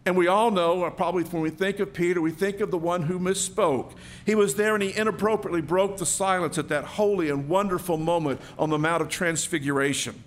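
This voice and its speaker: A man's voice: a little fast, few pauses. A man preaching a sermon, telling the story vividly and acting out the quoted voices. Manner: storytelling, acting out quoted voices with big swings in pitch and loudness. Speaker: pastor.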